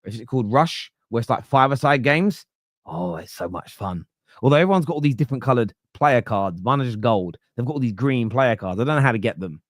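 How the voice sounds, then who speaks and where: Guy late 30s hosting a footy podcast live, jokey and animated, dry close sound. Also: medium pitch, fairly quick, no room sound. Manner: chatty, joking, animated. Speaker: podcast host. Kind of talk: live football fan podcast.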